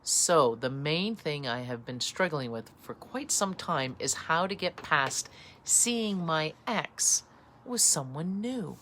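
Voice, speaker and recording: A woman co-hosting a casual chat on an outdoor balcony, lively and giggly. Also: sits low, slow, a little hiss or hum. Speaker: co-host.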